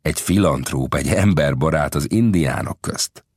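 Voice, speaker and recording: A man voicing an old, shrewd frontier scout in a storybook reading, speaking in a high, hushed, inquisitive way. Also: slightly rough, dry recording, studio quality. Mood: hushed curious.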